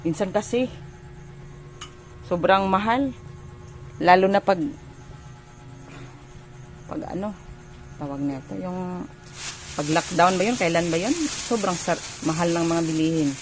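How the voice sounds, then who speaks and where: A talkative woman from the Philippines chats through a casual home vlog in her kitchen. She rambles easily and keeps pausing to search for the right word. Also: on the low side, noisy background. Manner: chatty, rambling, searches for words with "ano". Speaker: home vlogger and mother.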